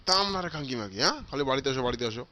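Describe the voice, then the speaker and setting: A man voicing a stingy, foul-mouthed old father in a comic cartoon, shouting and cursing at his family. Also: mid-range voice, sing-song, racing, very noisy, lightly acted. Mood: angry. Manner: shouting, cursing, repeating threats.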